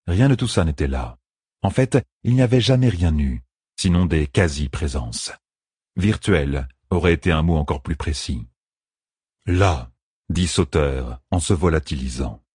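Male audiobook narrator, low voice, very husky, lively pitch, dry close reading. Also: no echo. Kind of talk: scripted fantasy narration.

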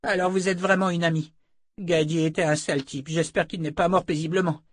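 A man's voice: fairly high pitch, fairly even intonation, brisk, no echo, studio quality, voice pushed up, lightly acted. A man voicing a distrustful, loyal teenage boy in an audiobook, with a suspicious, questioning manner. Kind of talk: audiobook character voice.

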